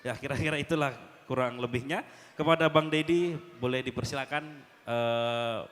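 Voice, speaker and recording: A man, moderating a casual talk show. He talks in a chatty way with frequent fillers and quick asides. His voice rings out with a long hall reverb. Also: medium pitch, fairly bright tone. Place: mosque hall.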